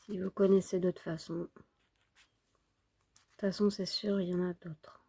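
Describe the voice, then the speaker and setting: A woman who is a little sick, giving an informal knitting tutorial step by step in an unhurried way. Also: fairly low pitch, flat delivery, mellow, husky. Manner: unhurried, counting and repeating steps. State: slightly sick, under the weather with a cough.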